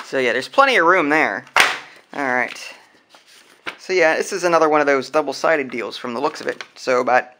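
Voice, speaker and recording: The host of a board game unboxing channel talks informally at a wooden table indoors, musing aloud while handling things. His voice is medium-pitched with a sharp tone, and the recording carries a slight hiss or hum.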